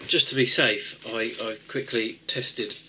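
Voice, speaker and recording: A man hosting a tech video, nasal from a cold, talks through a fix in a rambling, casual way, with lots of fillers and restarts. His mid-range voice is steady and a little slow, sounding pushed and bright. The audio is poor, with slight background noise.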